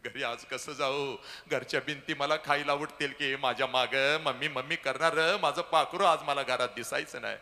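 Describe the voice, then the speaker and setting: A man giving an emotional motivational lecture into a handheld mic, swinging between loud cries and hushed, tearful lows. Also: fairly even intonation, normal speed, few pauses. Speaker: public lecturer.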